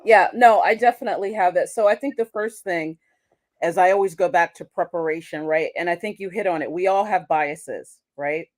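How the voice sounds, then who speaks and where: Guesting in a conversational interview, this international manager from the United States has a low-side voice, slightly mellow, at a moderate pace. She reflects aloud, often restarting her sentences and asking rhetorical questions.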